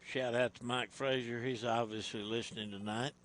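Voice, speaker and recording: A man giving color commentary on a baseball game, relaxed and conversational. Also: mid-range voice, moderate pace, a little hiss or hum.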